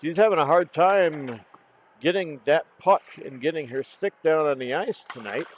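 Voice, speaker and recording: A man calling a junior women's hockey game play by play, hoarse from losing his voice, calm and unhurried, correcting himself now and then. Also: fairly high pitch, narrow, tinny audio. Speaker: play-by-play commentator. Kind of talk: live hockey commentary. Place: outdoor rink in cold weather.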